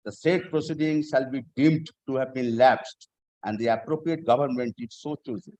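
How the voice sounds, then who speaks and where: A man's voice: medium pitch, moderate pace, warm tone, dry recording, rough recording. A male lawyer, reading law aloud formally and deferentially in a courtroom. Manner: deferential, repeatedly addressing the judge. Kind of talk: formal legal reading of statute and argument. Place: courtroom live stream.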